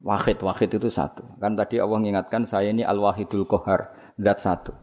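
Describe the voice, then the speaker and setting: A man's voice: fairly low pitch, level tone, brisk, a little mellow. A man with a Javanese accent giving a casual, joking religious sermon. He mixes in Javanese phrases and often laughs while he talks. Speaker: Islamic preacher.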